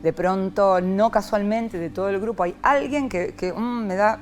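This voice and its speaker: At a moderate pace and in a mid-range voice, this Argentine psychologist reflects as an interview guest, soft music in the background. She is animated and expressive, repeatedly adding a rhetorical "¿no?".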